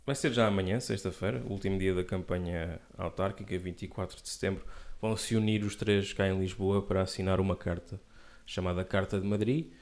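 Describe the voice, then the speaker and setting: A man's voice: low voice, fairly even intonation, a little fast, hardly any pauses, a little mellow. A man co-hosting a casual political chat, delivering wry, sarcastic asides. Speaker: podcast co-host.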